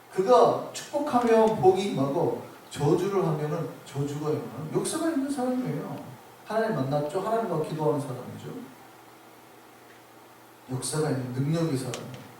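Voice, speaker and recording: A male pastor preaches with emphasis, often putting questions to his listeners. His voice sits a little high and moves a great deal. The sound is heavily echoey and picked up from far off, with faint noise underneath. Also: very animated, moderate pace, a little mellow. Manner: emphatic, asks the congregation questions. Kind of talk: sermon. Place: church sanctuary. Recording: echoey church sanctuary from far off.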